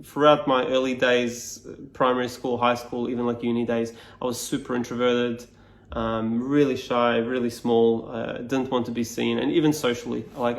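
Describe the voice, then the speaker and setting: A native Serbian speaker, this man is a speaking coach explaining his course to camera in a loose, reflective way, full of fillers and restarts. His mid-range voice sounds reverberant.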